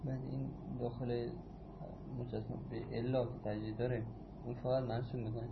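A man's voice: mid-range voice, level tone, vocal fry, slightly rough, muffled recording. A male student who asks the teacher short questions from across the room, heard faintly from far off.

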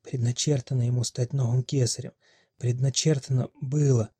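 A furious old witch, shrill and loud, spitting curses and wailing prophecy, as a male narrator puts her on. Her voice is dark-toned and husky under the strain, recorded dry and close for an audiobook. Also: steady tone, a little fast, dry recording, lightly acted. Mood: wailing lament. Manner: shrieking, lamenting, prophetic. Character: ancient wailing female witch, gone hysterical.

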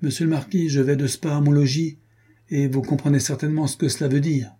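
Man doing a gruff mercenary captain. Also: fairly high pitch, steady tone, quick pace, warm tone, pitched above the performer's own voice. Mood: indignant. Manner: indignant, bitter.

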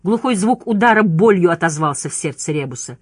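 A woman narrating an audiobook in a steady storytelling manner. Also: on the low side, fairly quick, dry recording, studio quality.

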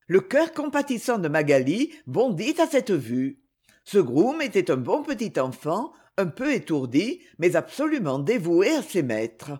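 Woman audiobook narrator, measured reading, lively intonation. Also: on the low side, slightly rough. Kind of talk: scripted narration.

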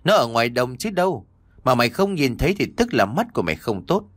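A man's voice: mid-range voice, sing-song, fast talker, no echo. A man voicing a cruel, vindictive older landlord in an audio story, menacing and sneering. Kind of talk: audiobook character voice.

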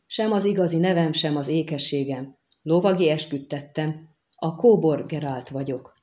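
A woman voicing a gruff, weary male monster hunter who grumbles dryly. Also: low-pitched, a little mellow, close to an everyday voice. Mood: grumbling. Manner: dry, grumbling.

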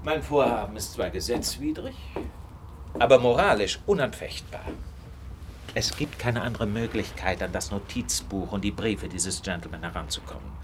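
An actor playing Sherlock Holmes as a confident, wry detective with a suave, teasing, theatrical manner in a German radio drama. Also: male voice, lowish voice, moderate pace, noisy background, close to an everyday voice. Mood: resolute.

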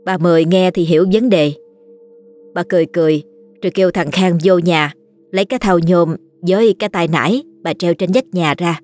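A woman with a Southern Vietnamese accent narrating a ghost story in a steady, plain way. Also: fairly low pitch, a little fast, faint music behind.

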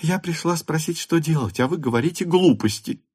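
A man reading an audiobook aloud and voicing an excitable, pleading teenage girl in a high, breathless, insistent voice. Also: moderate pace, husky, no echo, clean studio sound.

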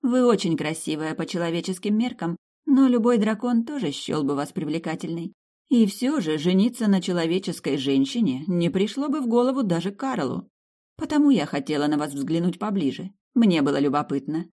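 A woman voicing a young noble dragon countess in an audiobook, soft, candid and a little shy. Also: on the low side, expressive, a little fast, pitched above the performer's own voice.

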